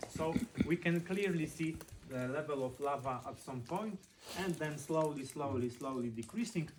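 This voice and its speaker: A man with a slightly high voice gives an informal guided tour as a non-native English speaker. He explains plainly and slips in dry jokes. The recording is made on location in a cave, with some background noise and clicks. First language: not English. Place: inside a cave.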